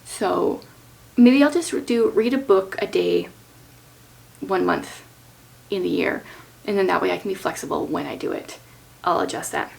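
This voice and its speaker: A woman talking casually and chattily as a book vlogger, thinking aloud in an informal way with a creaky voice. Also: on the low side, a little slow, pauses often, darkish tone. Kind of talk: casual chatty talk to camera about reading plans.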